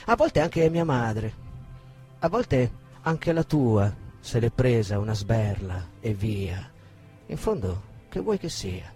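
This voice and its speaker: A man's voice: on the high side, very animated, unhurried, long pauses, faint music behind. An actor playing a raging abusive man. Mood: cold, menacing. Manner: swings from shouting insults to cold menace. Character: abusive aggressive man berating a woman. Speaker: actor reading a monologue. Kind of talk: dramatic reading.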